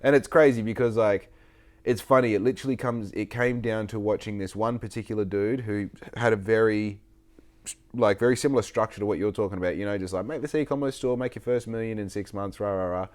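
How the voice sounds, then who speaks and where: A man's voice: fairly low pitch, fairly even intonation, a little fast, a little mellow. Sweary Australian man in his late twenties. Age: 20s. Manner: rambling and sweary, storytelling. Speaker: podcast host. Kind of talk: casual chat.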